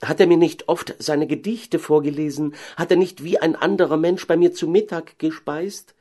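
A man's voice: on the high side, steady tone, normal speed, dark tone, pitched above the performer's own voice, lightly acted. A man voicing a shocked, indignant small-town mayor's wife. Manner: indignant, disbelieving.

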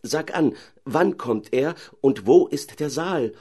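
A man voicing a young, excitable caliph who has been turned into a stork. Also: on the low side, measured pace, pitched above the performer's own voice. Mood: eager. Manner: excited, pleading.

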